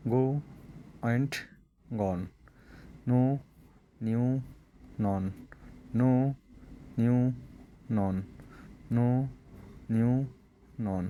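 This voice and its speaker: A man with a warm, mellow voice drills verb forms like a patient classroom teacher. He repeats each word list in a steady chant and keeps asking if his students have it. A faint hiss sits under the recording. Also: medium pitch. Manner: repetitive chanting of word lists, frequent "all right?" checks. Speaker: English teacher.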